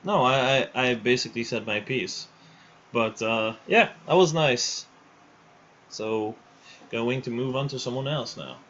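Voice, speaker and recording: Over a headset mic, a man with a slightly bright, mid-range voice hosts a build showcase stream, speaking a little slowly. His casual talk rambles, with many restarts, and the stream audio sounds dull and lo-fi.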